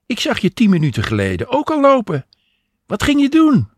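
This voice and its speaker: A man putting on a high, fussing older woman. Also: wildly swooping pitch, normal speed, no room sound, heavily acted. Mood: calling out. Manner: fussing and cheerful scolding. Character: caring, bustling older woman. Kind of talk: audio story reading.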